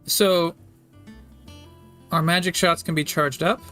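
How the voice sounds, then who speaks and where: A man giving casual game commentary, thinking aloud and reading menus in a low-key way. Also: fairly even intonation, slow pace, sharp tone. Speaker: gamer. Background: game music with plucked guitar.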